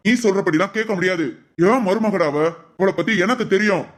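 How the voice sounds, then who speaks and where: A man's voice: high-pitched, fairly quick, lightly acted. A man voicing a stern, righteous father-in-law in a family cartoon, lecturing indignantly. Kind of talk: cartoon voice acting.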